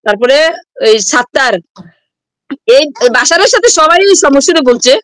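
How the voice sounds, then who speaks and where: A woman's voice: high-pitched, animated, normal speed, a bit bright, dry recording, rough recording. A woman schoolteacher, giving an urgent, rambling first-person testimony and repeating herself. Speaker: schoolteacher, interview guest.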